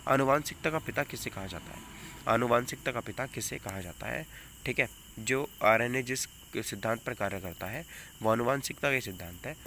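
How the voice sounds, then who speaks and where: At a normal pace, a man with a North Indian accent runs an exam coaching lesson in a bright, forceful, mid-range voice. He repeats questions and answers for emphasis and asks rhetorical questions. Background noise is noticeable throughout.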